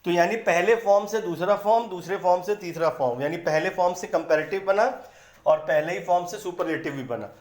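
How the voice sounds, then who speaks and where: A man teaching English grammar in a patient, explanatory way, repeating words slowly to break them into syllables. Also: sits high, echoey room. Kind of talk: explanatory lesson in Hindi.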